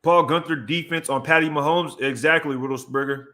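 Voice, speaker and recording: A man's voice: fairly high pitch, brisk. A young man hosting a casual livestream, reading viewer comments and getting worked up while breaking down game film. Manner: animated, breaks down game film with excited outbursts; reads out chat messages and gives shout-outs. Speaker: show host.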